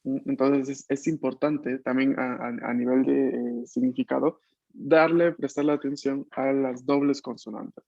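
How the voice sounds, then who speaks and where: A man's voice: mid-range voice, little pitch movement, unhurried, vocal fry, a little mellow, no echo, lo-fi sound. A male language teacher running an online Japanese class in Spanish, explaining patiently and checking in with tag questions. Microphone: video call.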